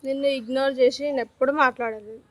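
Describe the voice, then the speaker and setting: A woman's voice: high voice, fairly even intonation, quick pace, no room sound. A young woman acting in a love drama, tearful and defensive. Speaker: actress in a web drama. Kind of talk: acted love-drama dialogue.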